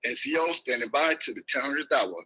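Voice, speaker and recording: A husky, mid-range male voice, fast and sharp, acts as net control on a two-way radio. He uses formal radio procedure and spells letters phonetically. The audio is lo-fi and heard over a two-way radio link.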